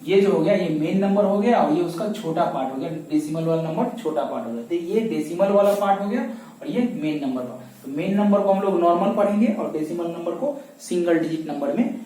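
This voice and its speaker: Speaking fairly quickly in a high, mellow voice, a man explains a math lesson step by step. He asks himself questions, answers them, and goes over key steps again, with his voice captured from a distance in an echoey room.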